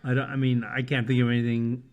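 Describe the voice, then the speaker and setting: A man's voice: medium pitch, level tone, fast, dull audio. A man co-hosting a casual podcast, speaking in a hesitant, earnest way with many restarts. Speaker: podcast co-host. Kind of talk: casual chat.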